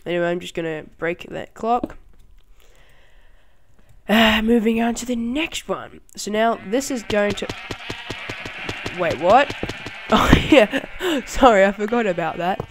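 An excitable host talks through a game tutorial in a loose, chatty way, often breaking into laughter and startled exclamations. The talk rambles and is full of fillers. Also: medium pitch, a little slow, a little hiss or hum. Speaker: channel host. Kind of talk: casual game tutorial commentary.

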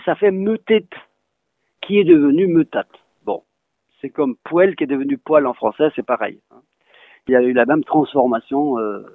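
A man with a gravelly, creaky voice that rises and falls a lot as he explains, spelling words out letter by letter. The sound is thin and phone-like, with a dry, close feel and no room echo. He talks like a patient teacher answering an interviewer. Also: on the high side. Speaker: Breton language teacher.

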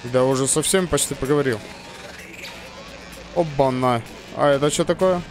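Болтливый мужчина комментирует прохождение игры. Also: male voice, medium pitch, normal speed. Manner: chatty, swearing, muttering to himself. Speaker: let's play commentator. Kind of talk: casual gaming commentary. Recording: game music over the voice.

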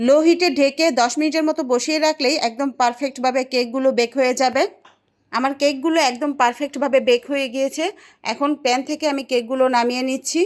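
Fast, high-voiced woman explaining a recipe. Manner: steady, instructive, step-by-step. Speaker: cooking channel host. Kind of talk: scripted recipe voice-over.

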